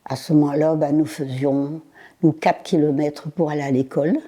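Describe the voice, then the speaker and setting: Interviewee, woman in her nineties, low, mellow voice, halting, unhurried recollection. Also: fairly even intonation, husky. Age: 90s. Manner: halting, with pauses, fillers and repeated words. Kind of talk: recalling her childhood in an interview.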